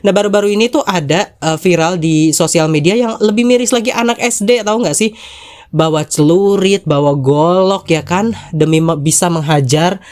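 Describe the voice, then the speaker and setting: A host with a Jakarta Indonesian accent and a congested nasal voice from a cold, giving chatty, sassy commentary with dramatic asides, of mid-range pitch between a man's and a woman's. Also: darkish tone. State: has a cold. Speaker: host of a YouTube commentary channel. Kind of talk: casual spoken commentary to viewers.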